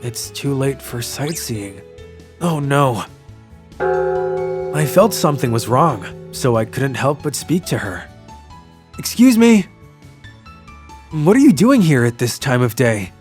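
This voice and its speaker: In an English manga dub, a man voices a kind, lovelorn young traveller narrating his story in an earnest, soft-hearted way. His mid-range voice is sing-song and slow, with long pauses, over soft background music, sounding earnest and concerned.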